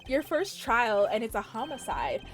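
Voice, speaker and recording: A woman voicing a calm, suave older male defense attorney from a video game, low and smooth. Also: normal speed, soft background music.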